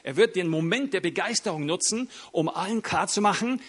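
A man's voice: sits high, lively intonation, brisk, fairly bright tone, breathy edge. A man preaching a sermon, telling the story vividly and asking the audience questions.

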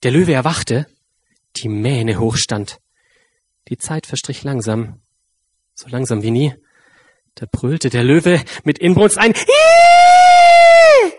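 Slow, lively male storyteller. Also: mid-range voice, husky, no echo. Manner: lively, drawn-out rhyming delivery. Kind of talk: reading a rhyming children's story.

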